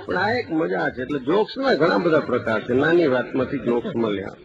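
Saurashtrian guy doing stand-up, fairly high voice, chatty, keeps asking the crowd things, loud audience. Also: very animated, quick pace, creaky. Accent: Saurashtrian Gujarati. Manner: chatty, asks the audience rhetorical questions. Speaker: stand-up comedian and mimic. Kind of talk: live stage comedy patter. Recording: dull live recording with loud audience.

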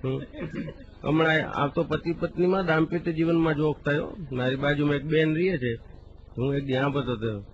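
A man performs comic storytelling, his slightly raised voice jumping between characters. He drags out lines of verse for weight. The live recording is dull with a faint hiss underneath. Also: fairly high pitch. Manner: animated, acts out dialogue in quoted voices; recites verse slowly with drawn-out emphasis. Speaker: stand-up comedian.

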